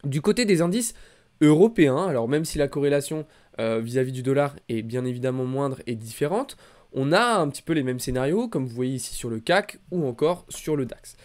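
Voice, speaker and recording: The host of a weekly markets recap speaks fairly quickly in an expressive, medium-pitched voice with a darkish tone. He offers casual financial market commentary in a conversational, hesitant style, repeating himself often.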